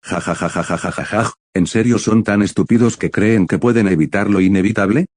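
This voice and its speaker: Man playing a deep, menacing, deranged cult priest. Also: a little fast, darkish tone, no room sound, clean studio sound, lightly acted. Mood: deranged, mocking. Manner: grandiose, menacing villain proclamations.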